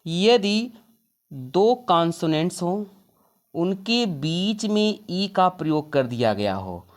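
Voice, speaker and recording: Woman, teacher, classroom lesson, unhurried, slightly low pitch. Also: lively intonation, a little mellow. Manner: slow, drawn-out words when spelling out examples; asks questions and answers them herself. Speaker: English teacher.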